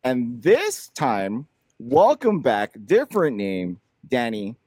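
A man's voice: mid-range voice, huge pitch swings, slow, a little mellow, no room sound. A man hosting a podcast in casual chat, talking with a slight lisp and many fillers. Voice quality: slight lisp from dental aligners. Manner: chatty, rambling with many fillers. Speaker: podcast host.

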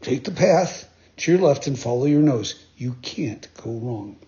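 Courteous sea dolphin, lower and steady, read by a man; muffled lo-fi storybook. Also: a little slow, lightly acted. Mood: calm. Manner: courteous, matter-of-fact. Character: polite, calm male dolphin. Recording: dull lo-fi sound.

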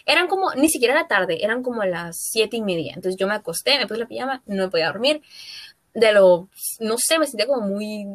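A woman's voice: medium pitch, lively intonation, brisk, no echo. A Mexican woman co-hosting a podcast, telling a personal story in a rambling, filler-heavy way. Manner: rambling, full of fillers and self-corrections. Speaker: podcast co-host. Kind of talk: casual podcast chat.

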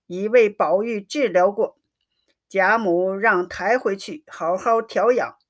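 A woman narrating a classic novel in a slow, measured storytelling reading. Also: medium pitch.

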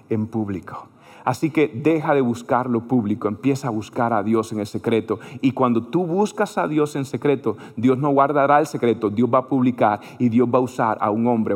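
A man's voice: medium pitch, in a large hall. A man preaching a sermon as pastor, telling stories animatedly and acting out his own dialogue with God.

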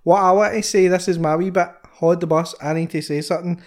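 Scottish guy cohosting a podcast, rambly excited banter. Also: sits high, quick pace. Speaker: podcast co-host. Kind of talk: casual chat.

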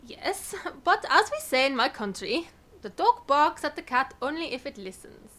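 Woman as a earnest foreign cosmonaut in an audio comedy, very high, bright, deadpan. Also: moderate pace. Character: earnest foreign female cosmonaut, literal-minded. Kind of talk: comic radio-play acting.

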